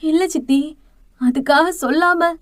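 A woman's voice: high-pitched, a little slow, no room sound, studio quality. A woman voicing an anxious middle-aged mother who pleads with worry in an audiobook drama. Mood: worried. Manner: worried, pleading.

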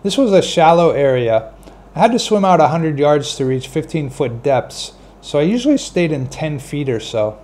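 Middle-aged guy telling a fishing story on his webcam, earbud mic, kinda higher voice. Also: normal speed, slight background noise. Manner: relaxed, gestures while explaining. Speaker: fishing channel host. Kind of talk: first-person storytelling to camera. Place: small indoor room, plain wall. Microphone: wired earbud mic, webcam framing.

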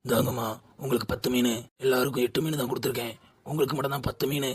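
A man's voice: mid-range voice, fairly even intonation, racing, husky, lightly acted. A man voicing a meek, harried fish seller who grumbles to himself, with a Tirunelveli Tamil accent. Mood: timid grumbling. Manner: timid, grumbling under his breath.

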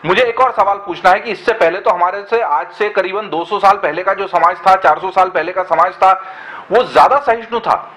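A man's voice: high-pitched, normal speed, fairly bright tone, low-quality recording. A man giving earnest, argumentative commentary in a web discussion, often asking rhetorical questions.

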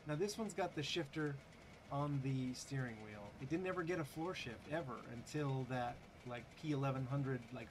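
A man's voice: mid-range voice, background noise. A man hosting a gaming channel, giving casual, chatty commentary over gameplay with wry, sarcastic asides and lots of fillers.

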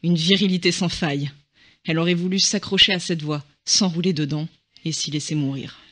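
A man narrating a short story in a soft, hushed, measured way. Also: fairly high pitch, fairly even intonation. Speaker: reader.

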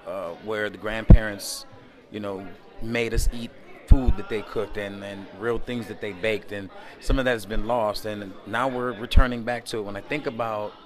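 A man answering interview questions in a relaxed, rambling way, full of fillers, recorded close to a camera indoors at a community event. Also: lowish voice, normal speed, crowd noise. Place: indoor event space by a window at night.

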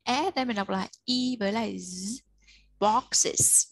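A woman's voice: on the high side, brisk, gravelly, no room sound. A woman tutoring a child one-on-one, patiently explaining step by step and prompting the learner to answer. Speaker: English tutor.

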